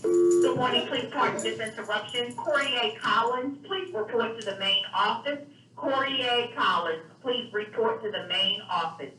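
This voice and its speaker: A woman making a polite, formal announcement over a school intercom loudspeaker, calling a student to the office and repeating the call. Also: on the high side, moderate pace. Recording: distant echoey intercom in a noisy classroom.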